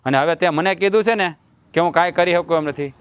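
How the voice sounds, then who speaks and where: In a family drama, a man voices a middle-aged village husband, proud and blustering, who swears he'll fix everything. His natural, slightly high voice runs fast and swaggers with boasts. Slight background noise is present.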